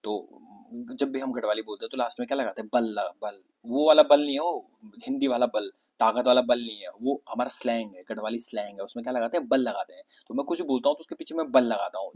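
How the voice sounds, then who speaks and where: Young man from Uttarakhand, vocabulary lesson teacher, mid-pitched, repetitive question-and-answer explaining. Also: a little mellow, slightly rough. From Uttarakhand, India. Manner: explanatory, repeats words and asks rhetorical questions.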